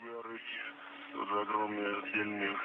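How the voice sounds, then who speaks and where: A man's voice: lowish voice, completely flat delivery, moderate pace. A man, a cosmonaut in orbit, giving terse, matter-of-fact procedure calls over a crackly space-to-ground radio link. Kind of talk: clipped radio procedure talk. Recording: tinny, noisy radio transmission.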